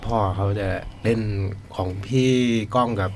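A man's voice: lowish voice, steady tone, a little slow, slight background noise. A man on a radio show, answering questions politely and hesitantly. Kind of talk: casual radio chat.

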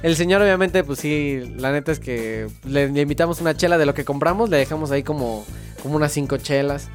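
A young man from Mexico with a Mexico City accent, telling a story in casual chat, slangy and animated, often laughing. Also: fairly high pitch, fairly quick, soft background music. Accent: Mexico City Spanish.

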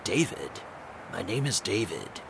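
A man voicing a sly male wizard in a tabletop game, speaking in a drawling, gravelly manner with coy hints. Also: on the low side, very animated, unhurried, fairly bright tone, a little hiss or hum, heavily acted.

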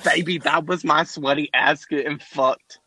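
A man's voice: on the high side, fairly even intonation, unhurried, heavy background noise, close to an everyday voice. A man voicing a brash, campy Southern twin who calls everyone baby, with a put-on Southern accent and a teasing manner. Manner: teasing, over-the-top camp delivery. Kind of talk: improvised comedy skit.

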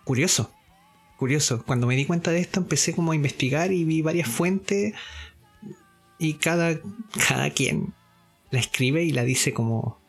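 A man giving a spoken lesson, explaining step by step, often pausing on fillers, repeating himself and checking that listeners follow. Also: mid-range voice. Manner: deliberate, explaining step by step with frequent checks for understanding; hesitant fillers and self-repeats. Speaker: course teacher.

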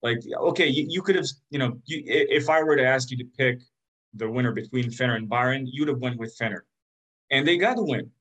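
A man's voice: medium pitch, a little fast, a bit bright, rough recording. A man hosting a basketball podcast, chatting casually and joking as he runs through lists of teams. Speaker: podcast host. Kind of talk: casual sports chat.

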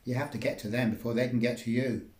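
A man's voice: medium pitch, fairly even intonation, fast, a little mellow. A man reading surreal micro-fiction aloud in a wry, rambling, dreamlike way. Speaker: storyteller. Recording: roomy echo.

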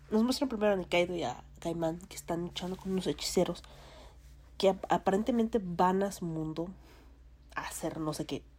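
A woman's voice: lowish voice, dark tone. A woman with a Mexican accent, chatting casually to her viewers in a rambling way, with many fillers and casual swearing. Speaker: vlogger.

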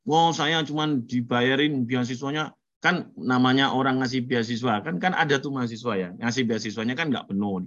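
A man lecturing students in a motivational talk, telling stories in an animated way. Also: mid-range voice, lo-fi sound. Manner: animated storyteller, acts out quoted voices. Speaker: university lecturer.

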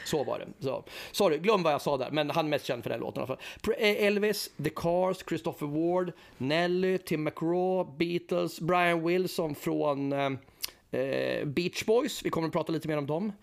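A man's voice: on the high side, creaky. A man co-hosting a podcast, chatting casually about a film and rattling off long lists of names, correcting himself as he goes. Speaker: podcast co-host.

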